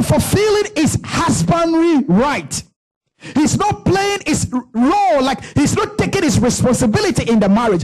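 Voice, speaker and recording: Man preaching, very high voice, husky edge, lively swooping delivery, handheld mic in church. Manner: preaching with rising shouts, rhythmic repetition. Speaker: pastor. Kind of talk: sermon. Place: church sanctuary stage. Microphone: handheld microphone.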